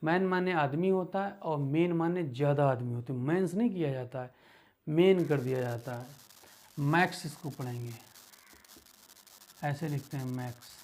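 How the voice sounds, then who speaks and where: A man teaching beginners English words, slowly and patiently repeating each word. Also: fairly high pitch, a little mellow.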